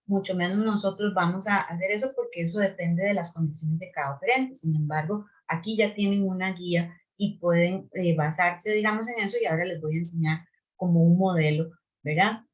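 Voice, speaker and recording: A woman's voice: fairly low pitch, brisk. A woman presenting an online webinar and answering audience questions, explaining step by step with frequent tag questions and restarts. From Costa Rica. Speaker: webinar presenter on public procurement. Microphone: video call microphone. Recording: slightly dull video call audio.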